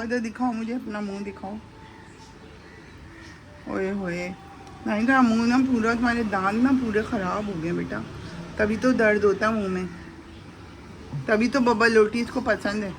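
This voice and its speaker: Filmed on a handheld camera in her home kitchen, this middle-aged mother and vlogger cooks breakfast and talks casually to her audience, addressing her sons with affection. She has a rather high voice, and there's slight background noise.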